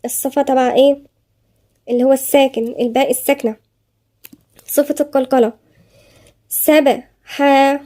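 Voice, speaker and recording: A woman with an Egyptian Arabic accent teaching a tajweed lesson, explaining each letter of a verse and slowly reciting it. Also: high-pitched, warm tone.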